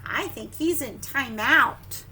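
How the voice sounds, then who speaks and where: A woman reads aloud animatedly to preschoolers in a high, bright voice, slowly and unhurriedly. Her sing-song, exclaiming delivery is packed with questions to the kids, with some noise behind her.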